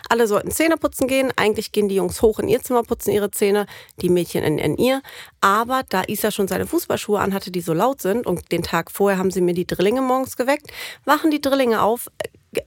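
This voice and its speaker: A woman's voice: mid-range voice, brisk, no echo, clean studio sound. Chatty woman telling family stories. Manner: chatty, animated storyteller. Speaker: podcast co-host. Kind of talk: casual chat between spouses. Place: radio studio.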